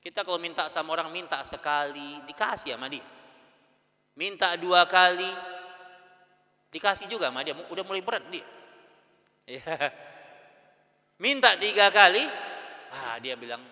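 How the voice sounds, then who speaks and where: A man preaches to a women's study group in a high, bright voice, speaking. His delivery is lively, jumping from loud emphasis to quiet asides. The long reverb of a mosque hall hangs behind every phrase. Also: moderate pace, pauses often. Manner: addresses women listeners as "Bu". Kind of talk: sermon.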